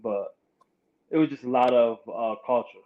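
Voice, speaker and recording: A man from Toronto, chatting casually and telling lively stories. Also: mid-range voice, moderate pace, phone-quality sound. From Toronto, Canada. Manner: lively, animated storytelling. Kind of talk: casual chat.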